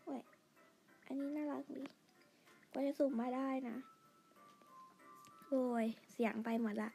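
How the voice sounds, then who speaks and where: A woman chatting quietly through her game, pleading for lucky draws and gushing over outfits. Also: sits high, fairly even intonation, a little slow, gravelly, faint music behind. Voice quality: quiet, soft-spoken. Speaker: gamer narrating her play. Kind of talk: casual game commentary.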